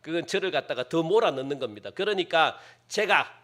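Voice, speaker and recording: A middle-aged male pastor preaching with a high, bright voice that swings widely in pitch. He talks in a conversational, animated way, prodding the congregation with quick questions and acting out the people he quotes. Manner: lively, conversational preaching with frequent rhetorical "예?" and "어?"; acts out quoted speakers in shifting voices. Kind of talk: sermon.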